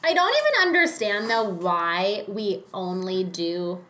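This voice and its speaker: A woman's voice: mid-range voice, sing-song, measured pace, bright, forceful tone. A young woman in casual chat with a friend, talking valley girl style with dramatic emphasis and slangy exaggeration.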